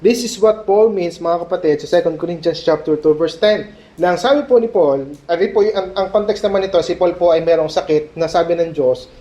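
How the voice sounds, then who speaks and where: A male pastor preaching a sermon at a prayer meeting, animated, mixing Tagalog and English and checking in with "Okay?". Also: fairly high pitch, fairly quick. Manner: mixes Tagalog and English mid-sentence. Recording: dull lo-fi sermon recording.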